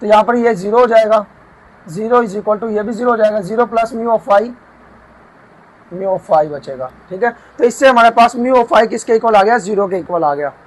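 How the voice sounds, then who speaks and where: High-voiced man lecturing on a proof. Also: low-quality recording. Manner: slows to dictate each formula; often checks in with "theek hai". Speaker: math teacher.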